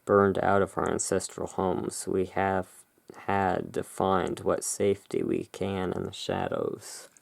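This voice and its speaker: A low, fry-laden voice drifts very slowly through a gothic ASMR roleplay by a tarot deck reviewer and ASMR creator. The hushed delivery has a slight theatrical touch, switching between reading the cards and casual commentary.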